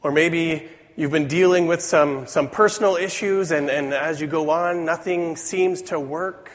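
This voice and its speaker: A man with a voice weakened by a cold, preaching a sermon in an earnest, deliberate way with rhetorical questions. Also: on the high side. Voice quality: weak voice from a cold. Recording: dull recording in reverberant hall.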